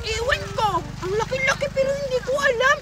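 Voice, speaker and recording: A performer voicing a pushy, boastful young girl squabbling over gifts in a comedy skit, with loud music behind. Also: very high voice, fairly quick.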